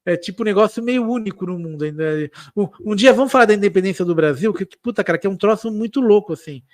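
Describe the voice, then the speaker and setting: A Brazilian man with a São Paulo Portuguese accent, tinged with a slight Italian lilt, speaks fast in a high-pitched voice. As a guest speaker on history, he chats loosely on a live stream with many restarts and slangy fillers. The recording is dry and clean, with studio sound.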